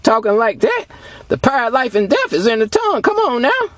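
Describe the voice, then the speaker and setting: A man preaching a sermon, reading scripture slowly and stretching out the words, then pressing his listeners with rhetorical questions. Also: extremely high pitch, wildly swooping pitch, a bit bright. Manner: emphatic, drawn-out preaching cadence.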